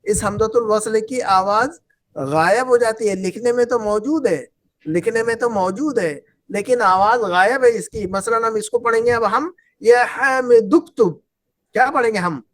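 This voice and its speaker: A woman's voice: on the high side, moderate pace. Woman teacher drilling a class. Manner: repetitive, drills students with questions. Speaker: Arabic teacher. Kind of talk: classroom lesson.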